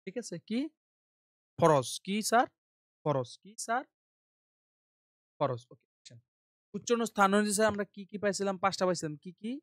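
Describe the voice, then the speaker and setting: A man's voice: high voice, a little fast, pauses often, no echo, clean studio sound. A man tutoring an online grammar class. He quizzes listeners, answers his own questions, and drills terms and letters one by one. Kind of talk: online admission-prep class.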